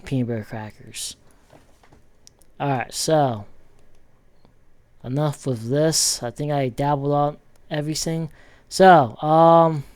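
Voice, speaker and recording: A man casually rambling through football commentary with many pauses and restarts. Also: on the high side, darkish tone, clean tone, no room sound, clean studio sound. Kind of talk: casual sports commentary vlog.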